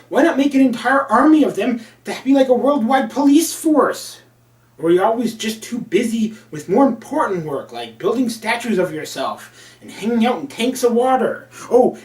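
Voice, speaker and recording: Sarcastic man reviewing old comics. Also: very high voice. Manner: sarcastic, crude asides. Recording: roomy, from a distance.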